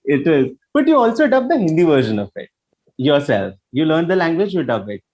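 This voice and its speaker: A man with an Indian accent hosts an entertainment interview in a conversational way. His voice is high for a man and his pitch moves around in a lively, animated fashion. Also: fairly quick. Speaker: interview host.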